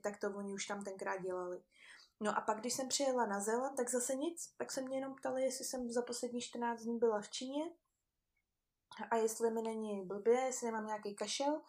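A young woman talks in a loose, chatty way, laughing often as she tells her story. Her voice sits a little high. She leans on fillers and restarts. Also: steady tone, a little mellow. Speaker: guest. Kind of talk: casual storytelling chat.

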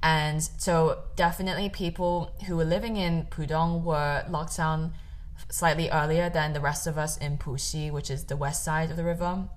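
A woman's voice: deep voice, steady tone, moderate pace. A young woman hosting a podcast, reading an introduction and interviewing a guest. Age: young adult. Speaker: podcast host.

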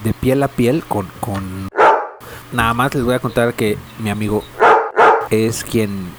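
A man's voice: fairly low pitch, steady tone, measured pace, heavy background noise. A man with a Mexican accent, co-hosting a casual chat and telling a rambling, slangy story with many restarts.

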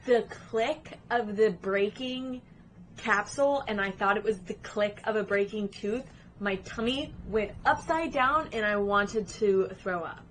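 A woman's voice: medium pitch, a little slow, fairly bright tone, a little hiss or hum. A woman co-hosting a podcast in casual chat, reacting earnestly and frankly to a movie. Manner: earnest, reacts strongly, frank about disgust. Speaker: podcast co-host.

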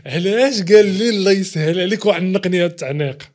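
A Moroccan man with a fairly high voice tells stories in a casual interview. He talks very quickly in Moroccan Arabic style, slipping into quoted dialogue and stressing points with oaths. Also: a little mellow. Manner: acts out quoted dialogue, swears oaths for emphasis. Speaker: interview guest, footballer. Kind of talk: casual, animated personal storytelling.

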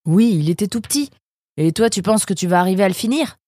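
Plump jolly fox sidekick, voiced by a woman narrator, teasing and bright, storybook. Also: mid-range voice, expressive, quick pace, no room sound, studio quality, voice pushed up, lightly acted. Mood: cheerful. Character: short plump male fox, cheerful and greedy.

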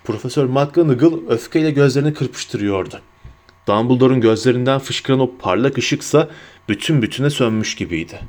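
A man narrating an audiobook in an expressive storytelling manner, slowing down for emphasis. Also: medium pitch.

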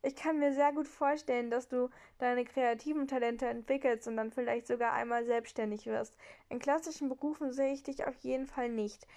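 Woman doing a silly word quiz, high clear voice, laid back and jokey. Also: steady tone, darkish tone. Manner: playful, quick to laugh and ask "what?". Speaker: quiz participant. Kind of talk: casual chat. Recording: call audio, hard to hear.

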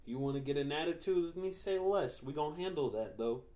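A man's voice: on the high side, fairly quick, darkish tone. A young man hosting a podcast, rambling in a slangy, profane casual monologue full of "like". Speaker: podcast host.

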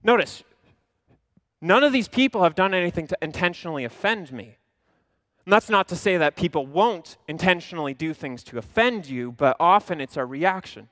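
A young male pastor tells a story from the pulpit, dropping to low mutters and then rising to loud outbursts as he acts out his own thoughts. His voice sits fairly high for a man. The sound is dry and close, with no room echo. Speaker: lead pastor. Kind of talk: animated sermon storytelling.

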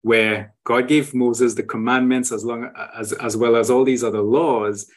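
A man talks through his evidence in a relaxed, conversational way, checking in with his listener after almost every point. His voice sits at an ordinary pitch for a man, and he keeps returning to the start of a phrase before finishing it. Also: a little slow. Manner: tag questions, frequent restarts. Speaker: guest sharing travel photos. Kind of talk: conversational explanation.

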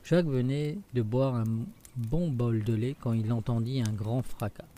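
A man narrating a fairy tale in a steady, even reading. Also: mid-range voice, measured pace, a little hiss or hum. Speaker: storyteller. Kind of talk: scripted storybook narration.

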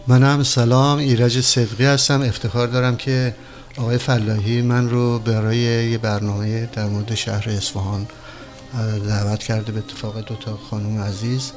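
A man's voice: mid-range voice, flat delivery, soft background music. A man, speaking as a guest in a conversational radio introduction.

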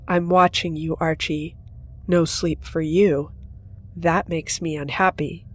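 A woman hosting a horror story channel, narrating in a steady, measured storytelling voice. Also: lowish voice.

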